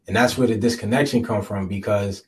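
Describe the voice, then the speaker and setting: Podcast guest, male, twenties, from Jersey City: informal, thoughtful, lowish pitch, slightly distant from microphone. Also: steady tone, fairly quick, a little mellow, a little hiss or hum. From Jersey City, USA. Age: 20s. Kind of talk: casual, reflective interview answers.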